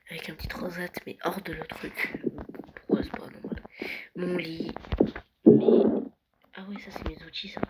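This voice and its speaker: A young vlogger touring a Minecraft world late at night, often whispering and speaking softly. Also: medium pitch, low-quality recording. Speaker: gaming vlogger. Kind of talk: casual Minecraft world tour. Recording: loud background noise.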